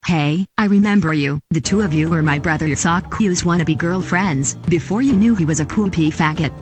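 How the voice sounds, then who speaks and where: A woman voicing a blunt, excitable young woman. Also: lowish voice, normal speed, music in the background, close to an everyday voice. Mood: brash.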